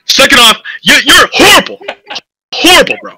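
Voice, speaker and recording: A young man raging as he plays, yelling and whining in casual, profane gaming chat. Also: very high-pitched, sing-song, normal speed, husky, dry recording. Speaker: gamer. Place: gaming voice chat over game audio. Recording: noisy gaming voice chat with game sounds.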